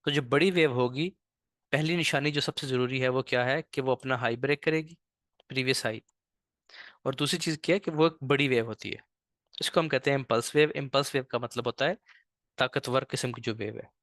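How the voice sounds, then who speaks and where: A man leads a live online trading class in a mid-pitched voice. He is patient and slow on purpose, and keeps checking in with his listeners. The sound is dry and close. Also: fairly bright tone, no echo. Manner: patient, repeats "ठीक है" often; speaks slowly on purpose. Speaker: trading teacher.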